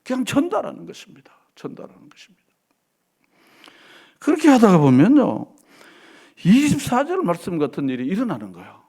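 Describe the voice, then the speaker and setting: A middle-aged male pastor preaching a Sunday sermon in a church, swinging from animated delivery to soft asides and acted quotes. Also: sits high, brisk, vocal fry, breathy edge. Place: church sanctuary.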